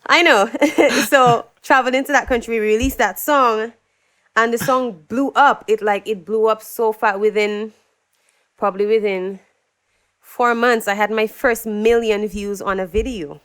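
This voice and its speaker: Speaking a little slowly in a fairly high voice, a young woman from Dominica recounts her story as a singer-songwriter guest in a casual interview. English is her first language, and she animatedly acts out the voices of people she quotes.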